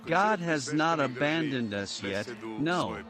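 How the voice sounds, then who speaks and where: Slow, slightly high male dubbing voice. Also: animated. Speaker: voice-over narrator. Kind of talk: dubbed documentary-drama narration and dialogue.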